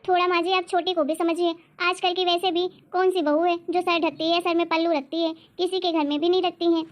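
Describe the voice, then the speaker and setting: A woman voicing a kind, caring young elder sister-in-law in a cartoon story, speaking softly and pleading gently. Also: very high voice, flat delivery, fairly quick. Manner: soft-spoken, pleading, sympathetic.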